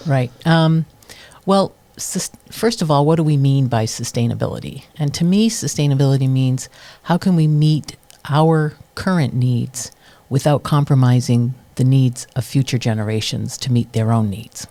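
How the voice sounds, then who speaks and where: In a deep, warm voice at a moderate pace, a middle-aged New Hampshire woman who chairs a committee responds to interview questions, thoughtful and casual, with plenty of ums and restarts.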